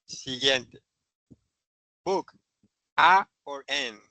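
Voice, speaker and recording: A man's voice: medium pitch, very slow, background noise. A man teaching an English grammar lesson, patiently repeating and spelling out examples.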